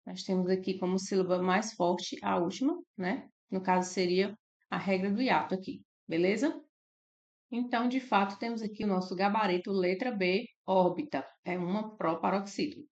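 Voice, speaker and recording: A woman with a Brazilian Portuguese accent, a tutor working through exam questions in a casual, explanatory way, often adding "né?" to check in. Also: mid-range voice. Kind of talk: casual screen-share lesson.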